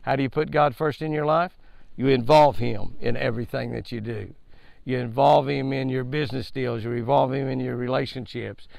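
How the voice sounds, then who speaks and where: Gravelly and somewhat dark in tone, an older man's mid-range voice holds steady at a normal speed. He hosts a fishing show, offering a daily devotional with a fishing tip in a folksy, emphatic preaching manner, repeating himself for effect. Recorded outside by a lake on a headset mic, there's no room sound.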